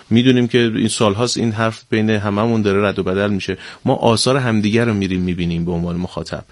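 Low male guest, deliberate delivery, dry close recording. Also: no echo. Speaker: guest, theater director. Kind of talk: formal studio interview.

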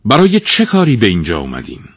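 A man's voice: fairly low pitch, huge pitch swings, fairly bright tone, breathy edge, no room sound, studio quality, full character voice. A man voicing a proud, commanding woman ruler from an old tale, speaking sternly. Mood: stern, indignant.

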